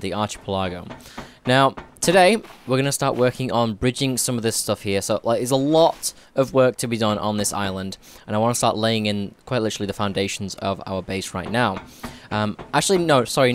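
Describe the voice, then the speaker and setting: A man giving casual, chatty commentary over his own gameplay, thinking aloud and correcting himself as he goes. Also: medium pitch. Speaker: gaming YouTuber. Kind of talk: casual let's-play commentary.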